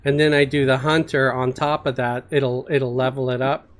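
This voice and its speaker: A man's voice: mid-range voice, flat delivery, moderate pace. A man streaming an online role-playing game, chatting casually with his group and reading out viewer messages, with many hesitant fillers. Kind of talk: casual live-stream chat over voice chat.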